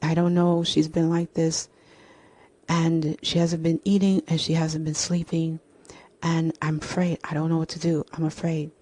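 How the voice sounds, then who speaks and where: A woman voicing an anxious young man, halting and worried. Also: sits low, little pitch movement, mellow.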